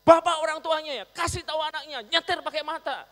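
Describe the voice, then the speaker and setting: A man voicing an angry male motorcyclist who yells insults in a shrill, high voice. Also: fairly quick. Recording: long reverb, mains hum.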